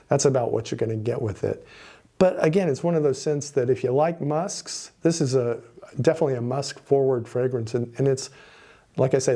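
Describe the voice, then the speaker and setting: A man talks through a fragrance review in a loose, rambling way, restarting his sentences as he goes. His voice is mellow and dark, sitting at a middle pitch for a man. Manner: chatty, rambling, swears under his breath at mishaps. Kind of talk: casual product review.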